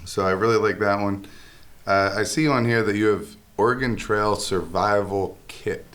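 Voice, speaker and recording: A man's voice: on the low side, steady tone, normal speed, a bit bright. A man co-hosting an education podcast in casual chat, enthusiastic and joking. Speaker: podcast co-host.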